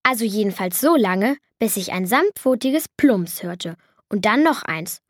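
Lively woman reading a kids' audiobook. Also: medium pitch, unhurried, no echo, clean studio sound. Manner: lively, expressive. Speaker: audiobook reader. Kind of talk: children's audiobook narration.

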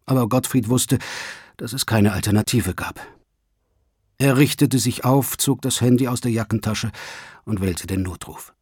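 A man reading a crime novel aloud as a narrator, in a measured, even way, with a husky voice. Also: medium pitch, no room sound, studio quality. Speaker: audiobook narrator. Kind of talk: scripted narration.

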